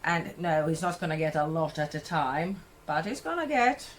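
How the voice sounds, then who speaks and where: A Swedish woman with a Swedish accent chats casually about her cooking in a home kitchen, rambling and correcting herself along the way. Her voice sits low and is very animated, at a moderate pace. She's a cooking vlogger, and there's a little hiss or hum.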